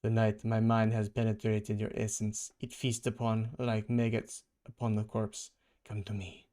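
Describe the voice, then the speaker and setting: A man voicing a menacing adult male hunter villain from a comic, speaking in a slow, brooding, ritual-like intoning. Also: on the low side, completely flat delivery, warm tone, natural voice.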